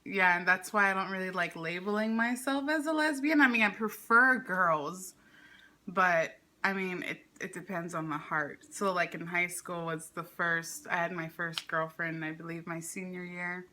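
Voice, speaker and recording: Woman, twenties, from Hawaii, interview guest, easygoing, giggly, bright tone. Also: lowish voice, normal speed, a little hiss or hum. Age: 20s. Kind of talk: casual conversational interview.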